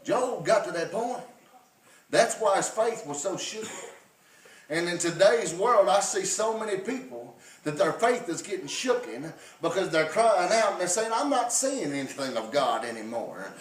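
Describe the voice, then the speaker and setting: High-voiced preacher in an echoey church. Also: male voice, lively intonation, moderate pace. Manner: rising to fervent shouting, drawled uh fillers. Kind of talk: sermon. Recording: echoey room heard from a distance.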